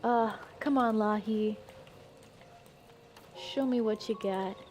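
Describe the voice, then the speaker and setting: A woman's voice: medium pitch, takes it slowly, a little mellow, faint music behind. A woman chatting casually on a stream while she plays a game, laughing often. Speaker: guest streamer.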